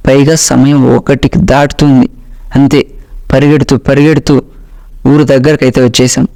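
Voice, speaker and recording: A man narrating a first-person ghost story as a storyteller, dramatic and slowing down for suspense. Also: a little high, dark tone.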